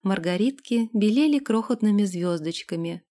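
A woman reading a fantasy novel aloud in steady, expressive scripted narration. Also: medium pitch, normal speed. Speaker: audiobook narrator.

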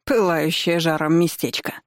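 A woman voicing a bossy, sharp-tongued old grandmother who grumbles and scolds bluntly, recorded dry and close. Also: low-pitched, normal speed, dry recording, close to an everyday voice. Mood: grumbling. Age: older.

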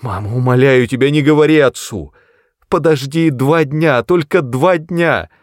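A man's voice: moderate pace, a little mellow, no echo, clean studio sound, lightly acted. A man voicing a desperate teenage girl who begs her mother, in a raised, tearful voice. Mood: pleading. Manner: high tearful begging voice.

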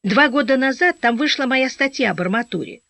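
Woman audiobook narrator, first-person story; bright, crisp tone, dry and slightly dull recording. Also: high voice, a little fast, dry recording. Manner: steady storytelling with voiced dialogue.

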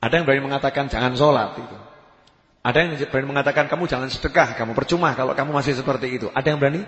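A man's voice: medium pitch, racing, fairly bright tone, dull audio. A male preacher giving a conversational sermon and asking the listeners rhetorical questions. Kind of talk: sermon with storytelling. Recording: echoey hall with long reverb.

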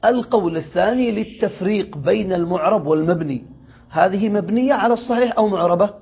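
Gravelly, husky man teaching grammar. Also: high-pitched, fast talker. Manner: reads the text aloud, then explains and quizzes students. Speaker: sheikh teaching Arabic grammar. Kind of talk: classical grammar lesson. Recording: dull lo-fi lecture recording.

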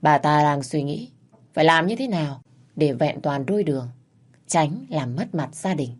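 A woman narrating a dramatic family story in a steady, measured way. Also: sits low.

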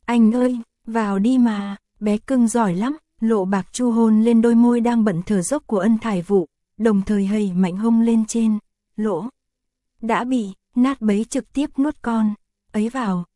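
A woman narrating an adult audio story in a steady, even reading voice. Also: fairly high pitch, moderate pace, no echo, clean studio sound. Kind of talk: scripted narration.

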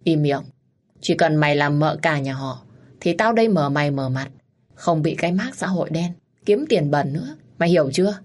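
A woman's voice: sits low, expressive, normal speed, a little mellow. A woman voicing a harsh, commanding father who runs a gang, reading an audio story. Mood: stern. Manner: commanding, scolding. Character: stern harsh father, gangster boss.

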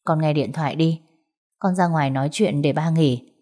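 A woman's voice: sits low, mellow. Woman voicing an anxious, eager young father. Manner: polite, hurried.

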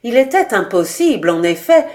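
A woman narrating a literary short story in a measured, expressive way. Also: on the high side.

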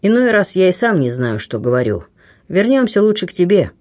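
A man's voice: sits high, very animated, fairly quick, a little mellow. A man reading the part of a blunt, kindly aging buccaneer who grumbles and teases. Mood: gruff warmth. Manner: grumbling, teasing, plain-spoken.

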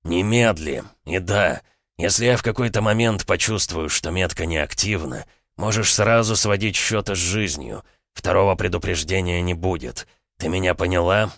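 A man reading a cold, commanding older prince in an audiobook, his low voice sounding close and dry. He speaks in curt orders and threatens with an even calm. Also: normal speed, no room sound. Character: stern, cold older male prince, a father.

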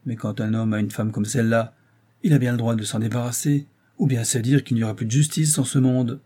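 A man voicing a gossipy, blunt middle-aged housewife in an audiobook, speaking in sharp, indignant exclamations. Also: medium pitch, steady tone, fairly quick, close to an everyday voice. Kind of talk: audiobook character reading.

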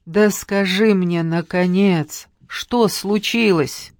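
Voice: medium pitch, takes it slowly, no room sound, studio quality. A narrator doing a headstrong young noble girl. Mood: pleading. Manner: urgent, pleading, insistent. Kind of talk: audiobook character reading.

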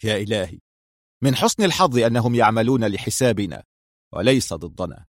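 A man doing a sharp intelligence chief. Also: lowish voice, animated, brisk, dry recording, clean studio sound. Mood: commanding. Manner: sharp and commanding. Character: commanding male intelligence chief, sharp-tempered.

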